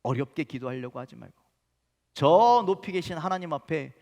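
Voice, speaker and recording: A male pastor giving an animated, emphatic sermon in a church sanctuary. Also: on the high side, normal speed. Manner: animated, emphatic preaching with sudden loud rises. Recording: long church reverb.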